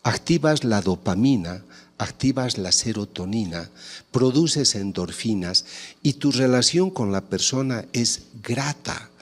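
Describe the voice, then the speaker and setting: A man's voice: mid-range voice, animated, a little slow, breathy edge. A man giving a lecture, explaining ideas and acting out little family dialogues to make his points. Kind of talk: conference talk. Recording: long hall reverb.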